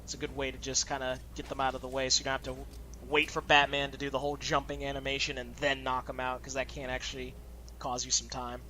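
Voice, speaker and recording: A man's voice: medium pitch, monotone, fast, bright, forceful tone, a little hiss or hum. A man hosting a let's play, giving loose, chatty commentary full of "like" fillers. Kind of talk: casual gameplay commentary.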